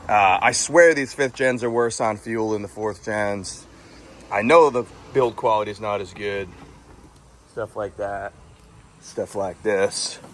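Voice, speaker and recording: A man's voice: lowish voice, a bit bright, echoey room. A young man hosting a casual garage vlog, chatty and rambling with lots of fillers, a bit out of breath. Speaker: garage channel host. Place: home garage.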